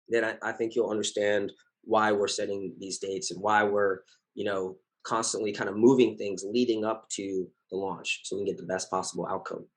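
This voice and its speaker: A man with a scratchy, hoarse voice talking casually to his community as founder, earnest and reassuring, rambling with many fillers and self-corrections. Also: on the low side. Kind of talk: casual spoken update to followers.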